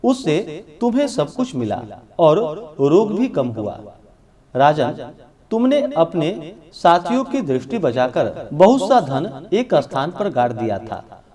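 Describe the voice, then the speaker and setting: A man narrating a devotional scripture story in a measured storytelling cadence. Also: fairly high pitch, big pitch swings, dark tone.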